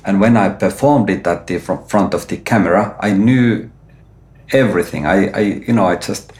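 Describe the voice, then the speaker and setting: A middle-aged man hosts a conversational podcast interview in non-native English, speaking hesitantly with lots of fillers and restarts. His voice is low and darkish, at a normal speed, in a roomy, echoey recording. His first language isn't Swedish; his name sounds Finnish, though his origin isn't stated.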